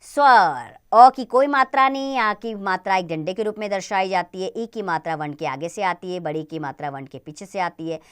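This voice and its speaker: Woman, teacher, children's grammar lesson, smooth clear voice, deliberate, spells out sounds. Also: mid-range voice, a bit bright.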